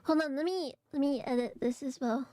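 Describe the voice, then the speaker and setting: A woman streamer chatting casually and haltingly, her voice phlegmy and rattly in the chest, congested from allergies. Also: high-pitched, mellow, no room sound. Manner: halting, hesitant, trailing phrases. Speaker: vtuber streamer. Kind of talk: casual livestream chat.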